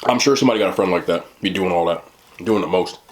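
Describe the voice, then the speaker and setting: A man with a fairly low voice hosts a casual mukbang. He rambles in joking, slangy chat and keeps talking between bites of food. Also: fast. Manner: talks between bites while eating. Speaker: mukbang host. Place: small indoor room, seated at a table.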